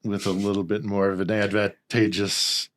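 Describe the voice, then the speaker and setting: Low-voiced male podcast host. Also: little pitch movement, normal speed, a bit bright. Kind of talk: interview discussion.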